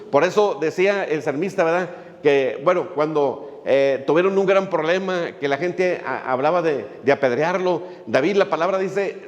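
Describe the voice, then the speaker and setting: Pastor guy preaching, kinda high voice, chatty with lots of "este", long church echo. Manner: folksy, many fillers, jokes while telling a story. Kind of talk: sermon with storytelling.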